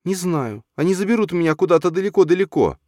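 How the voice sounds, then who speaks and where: A man's voice: high voice, animated, fast talker, darkish tone, no room sound, clean studio sound, pitched above the performer's own voice. A man voicing a frightened, clingy boy of nearly ten who pleads with his mother, in an audiobook read aloud. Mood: scared.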